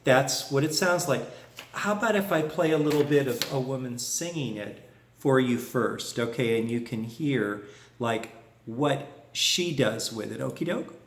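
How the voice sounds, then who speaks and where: A man's voice: mid-range voice, measured pace, roomy sound, slight background noise. A man teaching a harmonica lesson in a folksy way, humming phrases on "na" to show them. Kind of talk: music lesson explanation.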